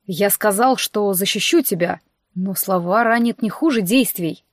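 A woman reading the part of a protective young male necromancer in a calm, earnest manner. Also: mid-range voice, moderate pace, dry recording, clean studio sound, lightly acted.

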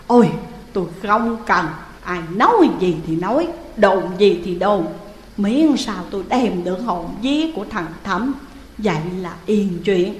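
A woman's voice: mid-range voice, animated, measured pace, roomy sound, long reverb tail, lightly acted. A woman voicing a grieving older village mother who speaks in a tearful, imploring way. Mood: dismissive.

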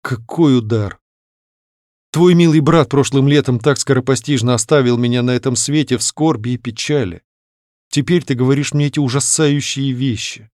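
A man reading an audiobook, voicing a doting aristocratic father who speaks gently to his daughter. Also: mid-range voice, normal speed, dry recording, studio quality, lightly acted. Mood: tender. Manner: haughty at first, then gentle and soothing.

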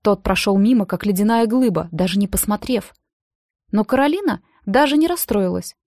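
A woman narrating a first-person audiobook with an even storytelling delivery. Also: medium pitch, normal speed, no room sound, studio quality.

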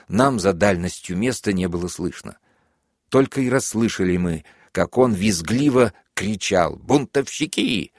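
A man narrating a classic novel as an audiobook in a measured, even reading. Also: low-pitched, no echo, studio quality. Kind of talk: scripted literary narration.

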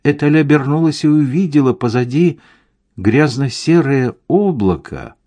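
A man reads a story aloud with lively, expressive narration and an animated, swinging pitch. His voice sits in a middle register. The recording is dry and close, with no room sound. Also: measured pace, no room sound. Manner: expressive storytelling, voicing each character. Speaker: audiobook narrator. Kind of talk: scripted narration.

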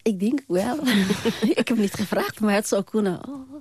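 A woman guest in a radio studio interview, speaking in halting, stuttering phrases with frequent restarts. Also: mid-range voice, a little mellow, slight background noise.

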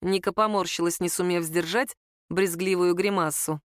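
A woman narrating a story aloud in a steady, intimate manner. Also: fairly low pitch, normal speed, no echo, studio quality. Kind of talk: audiobook story reading.

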